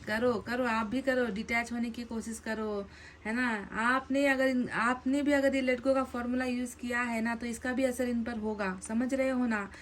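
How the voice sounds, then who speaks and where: A woman giving a casual tarot card reading, animated and repeating phrases for emphasis. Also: a little high, slight background noise.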